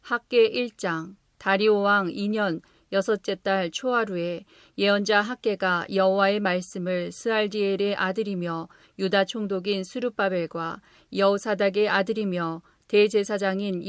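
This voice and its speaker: Calm woman pastor reading scripture. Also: mid-range voice, clear, resonant tone, dry recording, clean studio sound. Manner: calm, even, unhurried reading.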